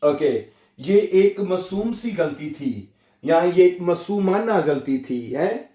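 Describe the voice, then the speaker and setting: Slow, mellow-voiced male language teacher. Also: high voice, lively intonation, roomy sound. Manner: slow, drawn-out German words, frequent checking "hmm?". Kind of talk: slow spoken language lesson.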